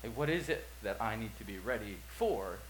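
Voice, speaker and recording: Animated man in his forties preaching. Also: on the low side, moderate pace. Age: 40s. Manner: animated, acts out quotes, swings from loud to hushed. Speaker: pastor. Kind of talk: sermon with storytelling. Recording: echoey room with faint hum.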